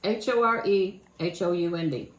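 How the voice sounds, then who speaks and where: An older woman with a Kentucky accent hosts a channel, chatting folksily in a casual home vlog about her own childhood. Her voice is fairly low at normal speed, recorded in an echoey room with faint noise.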